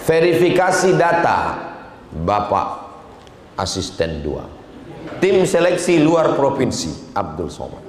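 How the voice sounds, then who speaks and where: A man's voice: medium pitch, big pitch swings, takes it slowly, pauses often. Joking male preacher in an echoing hall. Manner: joking storyteller who acts out dialogues. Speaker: Islamic preacher. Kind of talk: humorous sermon. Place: large hall with an audience. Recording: echoey hall, faint background noise.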